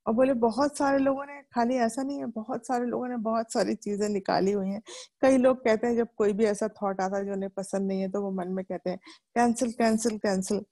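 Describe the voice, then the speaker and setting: A middle-aged woman from India explains a self-help book to her viewers. She talks chattily, poses questions and answers them herself, and acts out the lines she quotes. Her voice is mellow and soft at the edges. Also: on the high side, steady tone, brisk.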